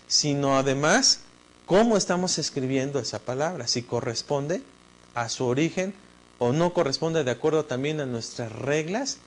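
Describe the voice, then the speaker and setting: A male teacher, explaining concepts step by step in an online lecture and speaking directly to the student. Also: fairly high pitch.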